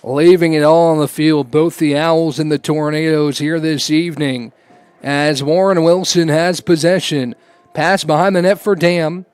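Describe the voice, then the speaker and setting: A man's voice: a little high, fairly even intonation, measured pace, clear, resonant tone, dry recording. A man giving live play-by-play commentary on a lacrosse game. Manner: raises voice to a shout on goals.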